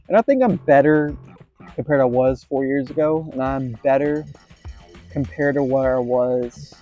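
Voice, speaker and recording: This late-twenties skateboarding vlogger has a medium-pitched, dark voice captured with lo-fi sound. His casual vlog talk is rambling and self-deprecating, with the odd swear word.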